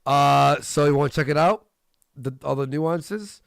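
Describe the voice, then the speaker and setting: A man's voice: fairly high pitch, a little slow, creaky, no echo, studio quality. A man hosting a live stream, laughing often and reading out viewer donations in crude banter.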